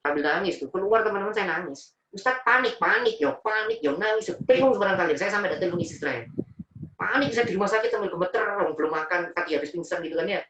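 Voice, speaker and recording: A male preacher with a Javanese accent tells a personal story in a quick, emotional, animated rush. He is recorded from a distance in an echoey room, and the sound is dull, with a faint background hum. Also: sits high. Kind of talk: personal story in a religious talk.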